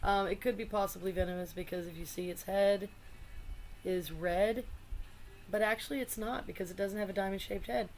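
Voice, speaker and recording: A woman's voice: mid-range voice, steady tone, moderate pace, a little mellow, a little hiss or hum. A woman casually showing a deck of cards on her channel, chatty and rambling, full of fillers and asides. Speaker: tarot and oracle deck reviewer.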